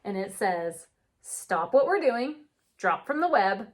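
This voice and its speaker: In a home reading nook, a woman with a mid-range voice reads a children's story at a slow pace, very animated throughout. She's a teacher who breaks off for friendly asides, quizzing her young audience and supplying the answers.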